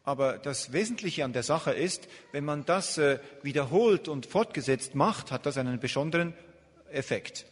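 A man's voice: fairly high pitch, lively intonation, moderate pace, husky. A man interpreting a lecture live, hesitant and full of filler sounds as he searches for words. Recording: long hall reverb.

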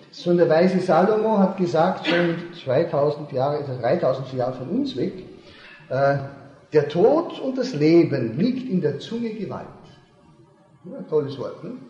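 Speaking at a seminar in a little high, warm voice, a man explains step by step, repeats important points and checks that the audience understands. The recording is echoey and lo-fi, with a dull sound.

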